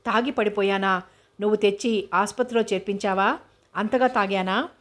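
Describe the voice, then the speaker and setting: A woman's voice: medium pitch, fairly even intonation, moderate pace, close to an everyday voice. A woman reading aloud as a dazed woman who speaks weakly and listlessly. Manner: weak, listless. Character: weak, dazed woman recovering in hospital.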